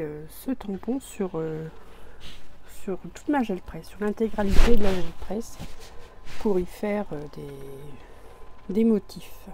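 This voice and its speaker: A woman explaining a craft project step by step while she works, hesitant, with many pauses and restarts. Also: lowish voice, gravelly, mellow, a little hiss or hum. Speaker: crafting tutorial presenter.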